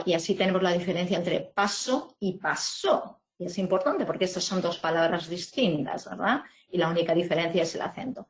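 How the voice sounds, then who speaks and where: A woman from presenting an online teaching webinar, explaining slowly with many fillers and tag questions. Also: fairly low pitch. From Spain.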